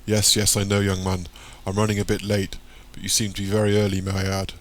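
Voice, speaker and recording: A secretive, formal man in an audiobook story, calm and courteous, with a fairly low voice, as the male narrator reads him. He speaks in a measured, deliberate way. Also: lightly acted.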